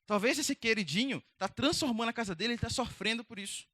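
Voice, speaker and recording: A young man preaching to teenagers as a youth pastor, direct and conversational, energetic. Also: very high voice, fast, no echo. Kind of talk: youth sermon.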